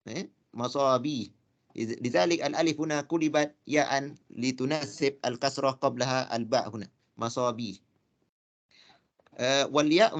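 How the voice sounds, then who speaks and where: A man teaching Arabic grammar in a lecture. He talks haltingly, with many fillers, and repeats words slowly. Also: on the high side, lo-fi sound. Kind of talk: classroom lecture.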